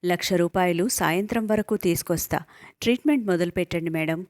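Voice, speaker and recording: A woman's voice: on the low side, a little fast, a little mellow, close to an everyday voice. A woman reads out an anxious young son with a lilt, pleading and worried in a storybook telling. The voice stays level and close, in a dry room with no echo. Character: young village man, anxious son of a sick father.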